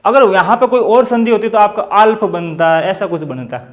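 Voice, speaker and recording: A man's voice: sits high, normal speed. A man with a Hindi accent teaching a grammar lesson, explaining step by step and asking questions that he answers himself. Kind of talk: classroom-style grammar lesson.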